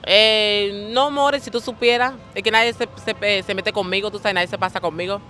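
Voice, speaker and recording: A woman's voice: medium pitch, steady tone, normal speed, bright, forceful tone. A woman with a Dominican accent, talking flamboyantly in a casual street interview and calling everyone "mi amor".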